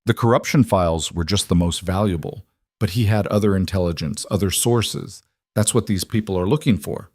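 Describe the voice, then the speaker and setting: A cold, commanding mafia boss, read by a male narrator. He speaks in a low, controlled way, with clipped orders. The recording is close and dry. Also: fairly quick, darkish tone, no room sound.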